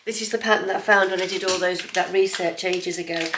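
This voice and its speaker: A woman with a fairly low voice talks quickly in a fairly even tone, stuffed up with a cold as she chats casually in her home kitchen for her sewing vlog. She rambles along with plenty of ums, and the kitchen sounds echoey with a little background noise.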